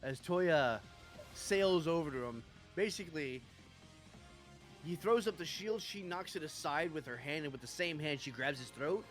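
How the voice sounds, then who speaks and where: A man's voice: on the high side, animated, normal speed, a bit bright. A man acting as game master, narrating action dramatically and giving casual rulings in a tabletop game. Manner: dramatic, vivid storytelling with casual swearing. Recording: music in the background.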